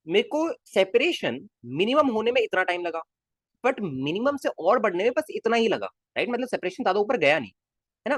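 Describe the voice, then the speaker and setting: A man's voice: high-pitched, a bit bright, no echo, clean studio sound. A male physics teacher in a casual live class, coaxing his students with constant questions and calling them kids. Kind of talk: live online class lecture.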